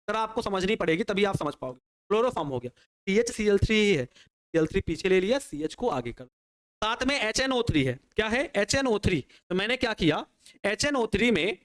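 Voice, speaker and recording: This online exam-prep chemistry lecture is led by a man whose high-pitched voice has a fairly bright tone. Moving step by step at a working pace, he works through reactions and supplies answers to the questions he poses to students.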